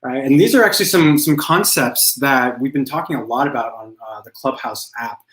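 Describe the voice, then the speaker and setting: A man speaking as a career coach guest in a casual interview, relaxed and conversational, often tagging his points with a question. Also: mid-range voice, a little fast, roomy sound, poor audio. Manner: relaxed, conversational, frequent "right?" tags.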